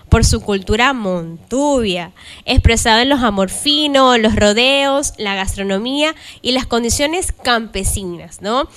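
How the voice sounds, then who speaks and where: Smooth-voiced woman host. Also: fairly high pitch, a bit bright. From Los Ríos, Ecuador. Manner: chatty, frequent tag questions. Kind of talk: casual presentation.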